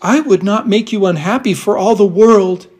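A man's voice: high-pitched, moderate pace, a little mellow, husky. A man voicing a kind, polite young girl who speaks earnestly.

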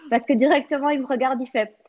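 A woman who teaches French, talking casually on a podcast, with a strong foreign accent. She laughs often and talks in a lively way. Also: sits high, quick pace, muffled recording. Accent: strong non-native French accent.

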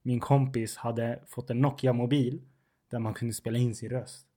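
A man's voice: mid-range voice, husky. A man in his twenties with a suburban Stockholm accent, co-hosting a casual podcast and telling stories about himself. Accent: Stockholm suburban Swedish. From Sweden, near Stockholm. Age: 20s. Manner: animated, self-mocking storyteller. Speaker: podcast co-host. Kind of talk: casual chat.

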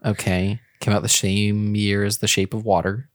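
A man co-hosting a casual podcast with a mid-range voice. He pokes fun at his co-host with deadpan sarcasm. The sound is close and dry, with no reverb. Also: on the low side, moderate pace. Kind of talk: casual chat.

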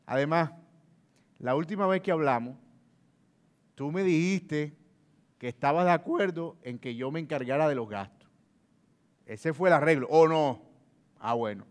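A man's voice: fairly high pitch, a little slow, pauses often, close to an everyday voice. A man doing a sarcastic defensive husband. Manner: sarcastic, indignant retorts. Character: defensive sarcastic husband arguing about money.

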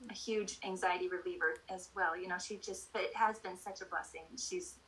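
A middle-aged woman speaking as an interview guest, candidly sharing personal experience in an earnest, halting way that often backtracks. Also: fairly low pitch, fairly even intonation, a bit bright, low-quality recording. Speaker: podcast guest.

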